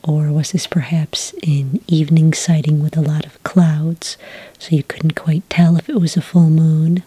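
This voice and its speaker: In a soft-spoken ASMR roleplay, a woman plays a calm, polite agent taking sighting reports. Her low, breathy, whispery voice is unhurried as she asks gentle, patient questions in a politely inquiring mood, and the recording is dry.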